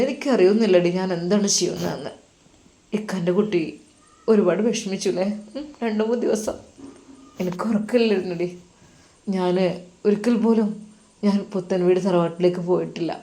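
A woman voicing a loving, remorseful young husband who talks in a soft, coaxing way. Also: lightly acted. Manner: soft, coaxing, low-voiced.

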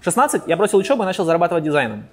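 A man in his late twenties narrating a scripted video message, lively and enthusiastic. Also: high voice, rapid-fire, echoey room, soft background music. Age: 20s. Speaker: contest entrant.

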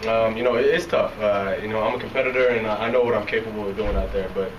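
A young man in his twenties answering reporters after a game, talking quickly and softly with many fillers and restarts. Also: on the low side, steady tone, dull audio. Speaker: football player at a press conference. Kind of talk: post-game press interview. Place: locker room press area, indoors. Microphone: reporters' recorders held close. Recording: roomy, from a distance, noisy.

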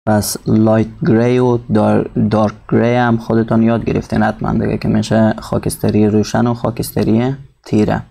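Casting note: male teacher, dark and steady tone, slow textbook reading followed by translation. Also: on the low side, creaky. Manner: explains each word slowly, reads English lines very slowly then translates. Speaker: English teacher. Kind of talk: recorded textbook lesson.

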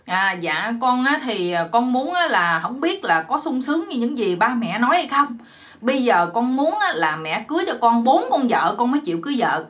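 A woman with a Southern Vietnamese accent voicing a simple-minded, spoiled young man who speaks in a hesitant, halting way. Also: fairly high pitch, very animated, fairly bright tone.

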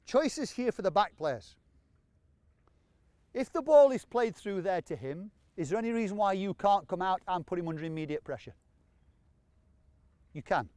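Man, football coach, fairly high voice, encouraging, repeats short commands, outdoors on a pitch. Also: sing-song, normal speed, long pauses, darkish tone, no echo. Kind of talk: on-field coaching instruction.

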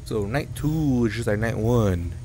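A man's voice: lowish voice, expressive, unhurried. A young man hosting a gaming channel, joking around and talking back to the game and its characters as he plays. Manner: jokey, talks to the game and its characters. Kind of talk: casual gameplay commentary.

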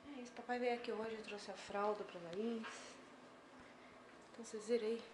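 Speaking at a moderate pace in a steady, somewhat high voice, a mother who vlogs talks with her viewers and her child in a hospital room. She has a Brazilian Portuguese accent, and the casual chat comes through a noisy phone recording.

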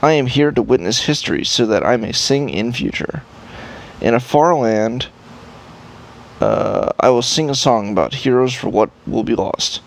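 A man's voice: medium pitch, animated, normal speed, creaky. Man voicing a cheerful wandering elf bard. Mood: earnest. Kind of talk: reading game dialogue aloud.

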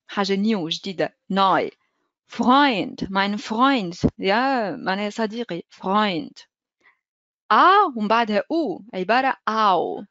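A woman's voice: fairly high pitch, no room sound, lo-fi sound. A woman with a Tunisian accent teaching German pronunciation in an online lesson, often checking in with her students.

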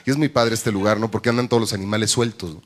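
A man's voice: steady tone, very fast. Brash Mexican man doing stand-up. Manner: brash, bawdy, jumps into shrill high-pitched voices for punchlines. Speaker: stand-up comedian. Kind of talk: stand-up comedy routine. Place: comedy club stage. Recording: live stage with audience crowd and noise.

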